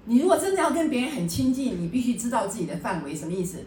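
Animated woman teacher in an echoey room. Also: a little high, very fast, recorded from a distance, slight background noise. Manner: chatty, keeps asking the class rhetorical check-ins. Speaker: teacher leading a book study class. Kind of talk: lively classroom lecture. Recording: echoey room, voice a bit off-mic.

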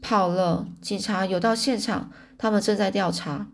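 Protective teenage boy, calm, reassuring, read by a woman. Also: mid-range voice, normal speed, creaky, close to an everyday voice.

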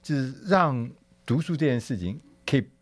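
A man's voice: medium pitch, animated, normal speed, dry recording. A man hosting a radio book show in casual talk, with a habit of adding "哈" at the end of his sentences. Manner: chatty, frequent "哈" tags and fillers.

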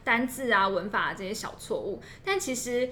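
A woman's voice: on the high side, lively intonation, moderate pace, sharp tone, slight background noise. A young woman with a Taiwanese accent, chatting and explaining in a conversational educational discussion, often posing rhetorical questions. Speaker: podcast co-host.

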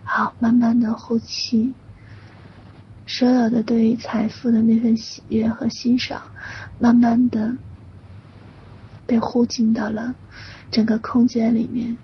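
A woman leads a guided meditation as a sleep story narrator would, soft and soothing, often close to a whisper, with slow, gentle pauses. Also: fairly high pitch, flat delivery. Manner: hushed, breathy, often near whisper. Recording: dull lo-fi audio with faint noise.

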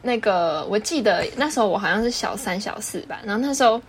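A young woman in her twenties with a Taiwanese Mandarin accent, co-hosting a podcast in casual chat, teasing and quick to laugh. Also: medium pitch, expressive, slight background noise. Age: 20s. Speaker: podcast co-host.

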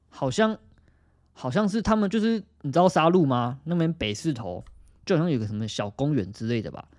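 A young man co-hosting a casual podcast chat, telling stories with lively swings in pitch and bursts of laughter, swearing freely. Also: no room sound, studio quality. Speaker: podcast co-host.

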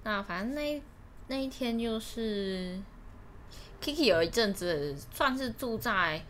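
Young woman co-host, bright tone, lively laughing storyteller. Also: on the high side, slow, a little hiss or hum. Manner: laughs often, animated retelling. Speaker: podcast co-host. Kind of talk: casual storytelling chat.

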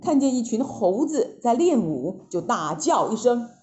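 A woman narrating a classic children's story in an expressive, animated way. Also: on the high side, a little slow.

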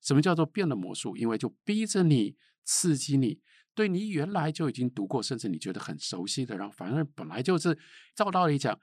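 A middle-aged man from Taiwan giving a spoken literature lecture, emphatic, with sharp rises and falls and rhetorical questions. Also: mid-range voice, no room sound, clean studio sound.

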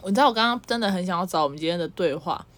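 A woman's voice: lowish voice, expressive, very fast, fairly bright tone. A young woman with a Taiwanese Mandarin accent, co-hosting a casual chat podcast and teasing her sister, who laughs often. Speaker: podcast co-host. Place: indoors, on a bed.

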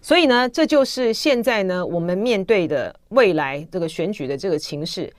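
A woman's voice: on the low side, normal speed, no echo. A woman with a Taiwanese Mandarin accent hosting talk radio, giving emphatic political commentary and tagging her sentences with a chatty "ha.". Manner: animated, emphatic, tags sentences with "ha". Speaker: radio talk show host. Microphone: studio microphone.

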